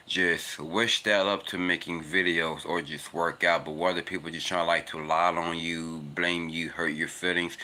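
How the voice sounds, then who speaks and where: Here's a twenty-something vlogger musing about God on a cold outdoor walk, in a casual spiritual monologue that rambles earnestly and keeps circling back to "it's because." His voice is naturally deep and low, with a kind of bright edge.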